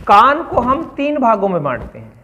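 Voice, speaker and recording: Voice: mid-range voice, wildly swooping pitch, moderate pace, pushed and bright, in a large hall, highs cut off, slight background noise. A teacher giving a step-by-step classroom science explanation and checking in with listeners through questions.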